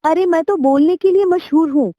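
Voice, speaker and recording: A woman voicing a chatty male parrot with a sore throat who complains loudly, in a cartoon story. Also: high voice, unhurried, no echo, lo-fi sound, voice pushed up. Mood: complaining.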